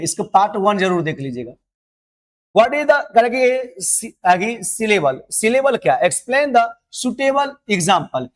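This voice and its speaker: A man who teaches an online exam-prep lesson. He explains things over and over in a coaxing way and mixes English terms into his talk. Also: high-pitched.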